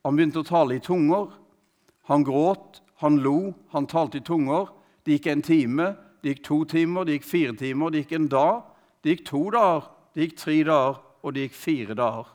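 A man's voice: on the high side, a little mellow. A man preaching, telling a story in a conversational, hesitant way with many fillers and restarts, and quoting the man he speaks of. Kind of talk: sermon storytelling.

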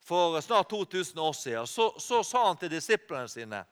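A man with a Norwegian accent preaching a sermon, animated, rising to loud cries and often correcting himself mid-phrase. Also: a little high, clean tone.

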